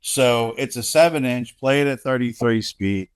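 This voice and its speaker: A man's voice: medium pitch, measured pace, clear, resonant tone. Rambling, stammering middle-aged man. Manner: rambling, repeats words, laughs often. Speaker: co-host. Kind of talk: casual chat.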